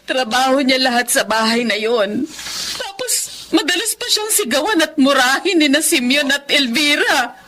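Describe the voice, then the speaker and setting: A woman's voice: high voice, big pitch swings, moderate pace, bright, forceful tone, slight background noise, full character voice. A middle-aged woman playing a sorrowful, worried poor mother in a radio drama. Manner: tearful, pleading.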